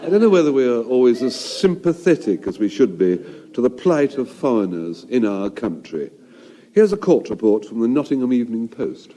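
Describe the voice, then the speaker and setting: A male radio host delivers witty, scripted links in a dark, mellow voice. His pitch moves lively and droll, with a dry edge. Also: normal speed.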